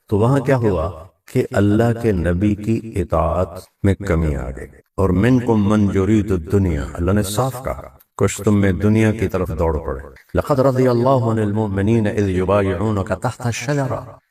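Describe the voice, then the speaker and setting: A low-voiced man delivers a storytelling sermon, slipping between narration, quoted dialogue and recited Arabic verses. His voice sits some distance from the microphone. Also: a little mellow. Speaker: preacher.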